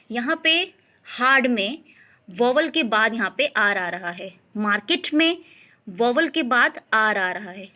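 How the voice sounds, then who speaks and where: A young woman teaching a grammar lesson, reading English lines out slowly and deliberately, then explaining them patiently with frequent check-ins. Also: fairly high pitch, pushed and bright.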